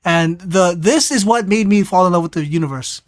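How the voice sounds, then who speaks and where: A podcast co-host in casual chat, recapping a movie in a rambling, animated way and acting out the characters' lines. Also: mid-range voice, brisk, dry recording, studio quality. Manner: animated storyteller, acts out quotes; rambling with restarts.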